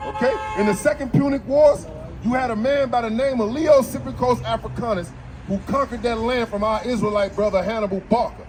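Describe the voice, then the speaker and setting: A man preaching on a city street, forceful and argumentative as he quotes scripture. His voice sits high for a man, with faint noise behind him. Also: a little fast. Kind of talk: street preaching and Bible teaching.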